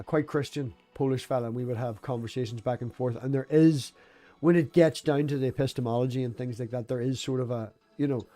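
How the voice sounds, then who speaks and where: A man's voice: mid-range voice, mellow. A man with a Northern Irish Ulster Scots accent chatting casually as a livestream host, blunt, sweary and rambling. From Northern Ireland.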